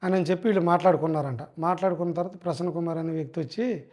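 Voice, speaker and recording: A man talks quickly in a fairly high voice. He tells his account in a hurried, repetitive way and keeps politely addressing the interviewer as sir. It sounds like an unscripted interview. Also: darkish tone. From Andhra Pradesh. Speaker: fraud victim. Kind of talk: casual recounting interview.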